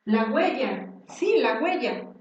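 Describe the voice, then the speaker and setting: A woman giving a university lecture, speaking slowly and deliberately with many fillers and restarts. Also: a little high, sing-song, darkish tone. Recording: very echoey room, distant and dull.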